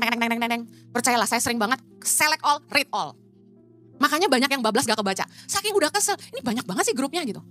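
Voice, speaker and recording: A woman's voice: sits high, fairly bright tone. A middle-aged woman pastor, preaching in a blunt, emphatic way and dropping English phrases into her sermon.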